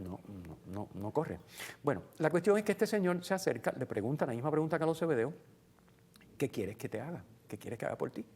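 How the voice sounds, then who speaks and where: A man's voice: on the high side, darkish tone. Chatty man explaining the gospel. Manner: conversational, with many fillers and acted-out quotes. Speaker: guest commentator on the Sunday gospel. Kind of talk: casual Bible reflection.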